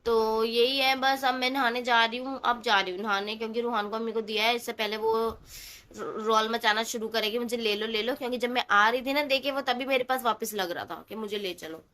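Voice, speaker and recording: A young woman with a somewhat high voice gone hoarse from a sore throat chats casually to her camera. She sounds tired, rambles about her day at home and mixes English words into her everyday talk. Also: steady tone, a little fast, sharp tone. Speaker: mom vlogger. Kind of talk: casual vlog chat to camera.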